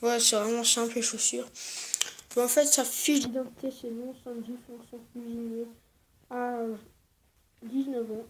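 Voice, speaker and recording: A speaker presenting an unboxing video in an informal, halting and repetitive way, with speech affected by new dental braces. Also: mid-range voice, flat delivery. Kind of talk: casual unboxing commentary, partly reading aloud. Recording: clearly noisy home-made recording.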